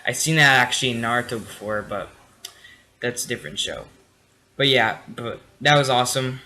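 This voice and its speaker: A man's voice: medium pitch, normal speed, bright, forceful tone, poor audio. A tired young man casually reviewing a TV episode late at night, rambling with many fillers and restarts. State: tired, yawning.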